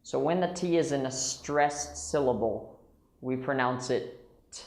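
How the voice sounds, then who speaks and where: A man teaching English pronunciation, slowly repeating single words and patiently explaining the sounds. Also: mid-range voice, gravelly, a little mellow, echoey room. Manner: slow, patient, models words in isolation. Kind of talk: pronunciation drill lesson.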